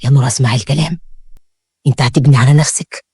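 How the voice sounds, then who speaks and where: A stern older Egyptian man who lectures and scolds, voiced by a storyteller. He speaks quickly with a dry, close sound. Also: medium pitch, steady tone, a little mellow, breathy edge, no room sound. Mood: scolding. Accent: Egyptian Arabic.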